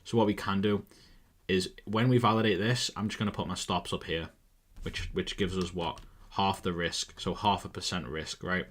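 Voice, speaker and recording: A young man with a somewhat low voice talks through a live stream in loose, casual commentary. He thinks aloud as he goes, sounds exasperated and swears freely. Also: fairly even intonation, moderate pace, a bit bright, a little hiss or hum. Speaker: live-streaming forex trader.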